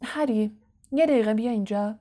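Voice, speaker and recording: A woman voicing a worried, kindly middle-aged father in an audiobook, speaking low and hurried. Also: a little mellow. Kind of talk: audiobook character voice.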